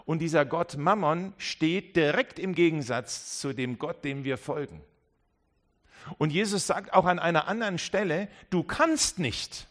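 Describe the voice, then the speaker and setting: A man preaching a sermon, who swings between loud calls and quiet asides and acts out the voices in his examples. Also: a little high, lively intonation, unhurried. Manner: dramatic, acts out voices in dialogue.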